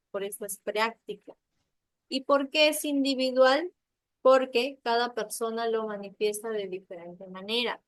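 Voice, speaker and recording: A woman's voice: a little high, no echo. Peruvian woman teaching, quizzing her class. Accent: Peruvian Spanish. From Peru. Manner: checks understanding with frequent tag questions. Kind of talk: online class lecture.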